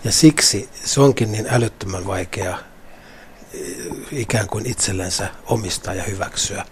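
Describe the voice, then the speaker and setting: A middle-aged man speaks in an earnest, reflective way, often restarting his phrases as he thinks. His voice sits a little low. A faint hiss of noise runs under the recording. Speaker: guest. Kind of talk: reflective faith talk.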